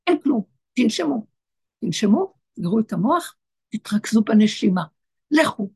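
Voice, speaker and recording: A woman voicing God as a commanding presence, giving urgent, repeated commands in a husky voice. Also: on the high side, big pitch swings, darkish tone, full character voice.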